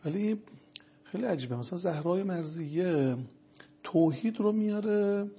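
A man's voice: sits high, expressive, slightly rough, highs cut off. A man talking as a guest lecturer, explaining earnest points one by one and telling stories to make them. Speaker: religious health lecturer guest. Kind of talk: explanatory storytelling talk.

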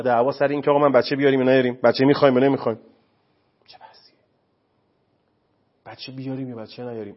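A man speaking as a counselor on a talk show, earnest and emphatic, lecturing. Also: mid-range voice. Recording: dull lo-fi recording.

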